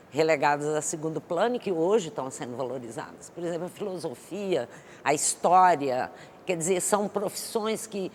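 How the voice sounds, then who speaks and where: A woman guest expert in an interview, answering thoughtfully with many pauses and restarts. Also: low voice. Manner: hesitant, many fillers and restarts. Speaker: economist guest. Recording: long hall reverb with faint noise.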